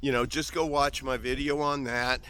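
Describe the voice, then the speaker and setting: With little pitch movement and a moderate pace, a medium-pitched, sharp-toned man in his fifties vlogs outdoors in a Midwestern accent. He jokes and rambles, often trailing off before starting again. Slight background noise can be heard.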